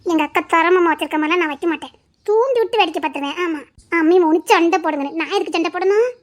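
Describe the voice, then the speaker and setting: A woman playing a young new wife who pleads softly and tearfully in a family drama skit. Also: extremely high pitch, racing. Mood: pleading.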